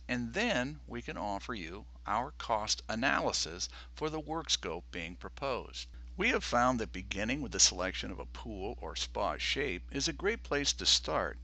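A man reading a formal, scripted voice-over presenting a pool design service in a measured way. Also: lowish voice, pushed and bright.

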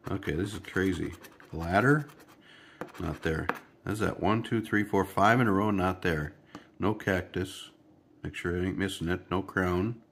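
There's a slight hiss or hum behind this low-pitched, somewhat bright male voice, which moves at an unhurried pace. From his kitchen table, the stuffy-nosed host of a lottery scratch-ticket channel talks casually and rambles on to viewers while he scratches.

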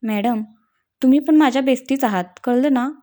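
A woman's voice: sits high, moderate pace, mellow, natural voice. A woman voicing a newly married young woman who fondly scolds her friends, in a storybook reading.

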